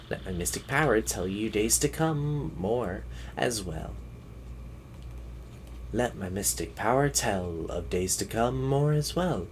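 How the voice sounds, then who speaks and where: Cute, mystical video game fortune teller, played by a man, cheerful rhyming delivery, noise behind. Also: fairly low pitch. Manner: fortune teller patter in singsong rhymes. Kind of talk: reading video game dialogue aloud.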